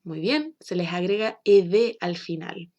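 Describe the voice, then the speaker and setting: A woman's voice: fairly low pitch, mellow. Patient woman teaching English. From Chile. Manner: slow, clear, patient explaining with drawn-out example words. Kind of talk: recorded online lesson for children.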